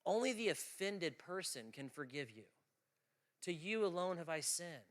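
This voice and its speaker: A man preaching an animated lecture to students, emphatic, swinging from loud exclaiming to quiet asides. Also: on the high side, moderate pace.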